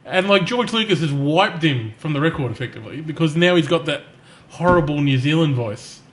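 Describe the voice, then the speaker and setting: A man co-hosting a podcast, ranting in casual chat with animated restarts. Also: on the high side, fairly quick. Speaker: podcast co-host.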